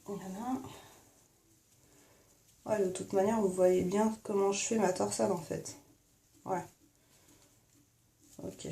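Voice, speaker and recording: A woman's voice: mid-range voice, fairly even intonation, slow, gravelly, long pauses, mellow. A young woman casually talking through a hair and makeup tutorial in her bathroom, recorded on a phone headset mic, with lots of fillers. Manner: chatty, many fillers and "en fait". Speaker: beauty vlogger.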